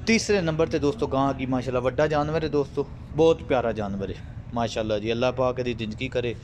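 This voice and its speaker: A man's voice: mid-range voice, steady tone, fast talker, darkish tone, a little hiss or hum. A man filming outdoors on a farm with a phone camera, running a casual, friendly sales talk for viewers. He repeats himself and keeps addressing his audience as friends. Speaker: livestock sales vlogger.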